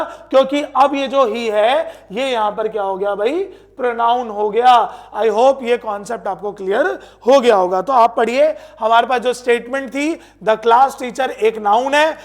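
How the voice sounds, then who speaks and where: High-voiced Indian man teaching grammar. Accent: Indian English. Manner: asks the class questions and answers them himself; reads English sentences out slowly, word by word. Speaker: English teacher. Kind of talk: exam-prep grammar lesson.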